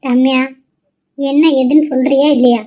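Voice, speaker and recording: A woman voicing a worried middle-aged mother in a cartoon, loud and demanding as she scolds her daughter. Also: sits high, level tone, moderate pace, muffled recording. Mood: scolding. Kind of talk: cartoon voice acting.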